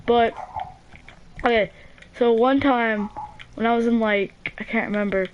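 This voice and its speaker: A woman's voice: fairly high pitch, steady tone, measured pace, highs cut off, background noise. A teenage girl hosting a gaming channel, telling a story in a rambling, casual way full of "like", restarts and swearing.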